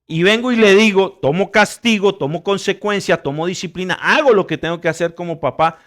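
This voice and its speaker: A middle-aged male pastor with a high-pitched voice delivers a sermon full of humor. He keeps checking that his listeners are with him and shifts from loud, emphatic lines to quiet asides. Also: a little fast. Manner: jokes with the congregation, swings from loud emphatic peaks to quiet asides; asks the congregation if they follow.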